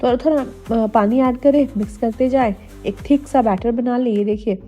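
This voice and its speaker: A young woman from India, slightly hoarse from a cold, chatting to viewers in a casual cooking vlog voice-over. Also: a little high, moderate pace, dark tone. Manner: chatty, addresses viewers directly. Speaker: homemaker vlogger. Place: voice-over, not recorded in the pictured kitchen. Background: faint music.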